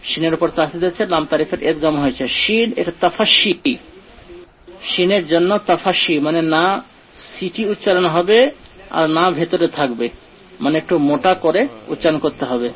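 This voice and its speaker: A man gives a recitation lesson in a fairly high voice, laying out each pronunciation rule patiently. Between explanations he draws out the example words in a slow chant. The sound is dull and lo-fi. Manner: explains rules step by step, then slowly chants example words. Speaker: Quran recitation teacher. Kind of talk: online tajweed lesson explanation. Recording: dull lo-fi audio.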